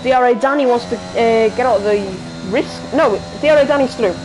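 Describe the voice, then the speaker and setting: Excitable Liverpool woman calling a race. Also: on the high side, music in the background, low-quality recording. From Liverpool, England. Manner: excitable, jumps up on crashes, halting with many fillers. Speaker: commentator. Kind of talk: live sim-racing commentary.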